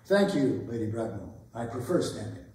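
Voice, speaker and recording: Heard from afar in a very echoey hall, a man plays a courteous gentleman suitor in a period comedy. His voice is mellow and his manner deferential and hesitant. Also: mid-range voice, very animated, normal speed, lightly acted. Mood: polite, uneasy. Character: polite, nervous gentleman suitor aged thirty-five. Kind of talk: theatrical staged reading of period comedy. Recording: very echoey hall, distant microphone.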